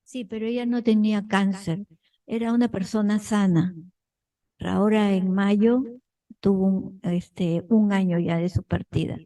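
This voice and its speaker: A woman from a parish group telling her own story to the group at an unhurried pace. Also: mid-range voice, fairly even intonation, warm tone, rough recording. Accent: Peruvian Spanish. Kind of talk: personal account in a group.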